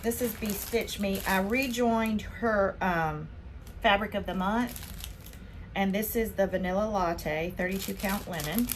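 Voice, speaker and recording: A woman from Spain hosting a casual haul vlog, chatting excitedly as she unboxes her purchases. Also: medium pitch, unhurried, slight background noise. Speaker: vlog host.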